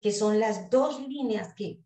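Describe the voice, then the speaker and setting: Roomy-sounding woman explaining slowly. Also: mid-range voice, dark tone. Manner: deliberate, hesitant, with frequent "eh" pauses and rhetorical checks. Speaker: study group leader. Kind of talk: explanatory teaching in a study group. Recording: roomy echo.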